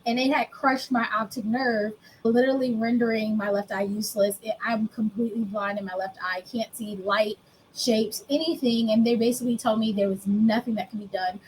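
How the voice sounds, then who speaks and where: A woman's voice: on the high side, steady tone, brisk, slight background noise, poor audio. A woman in her thirties from the United States, candidly telling her own story as an interview guest, plain and self-mocking. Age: 30s. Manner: candid, explains plainly, laughs at herself.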